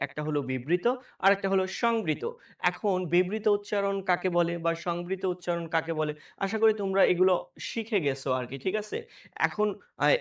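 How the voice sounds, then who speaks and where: A man's voice: high voice, far from the mic. A male teacher giving an exam-prep lesson. He asks questions aloud, answers them himself, and keeps checking that students follow.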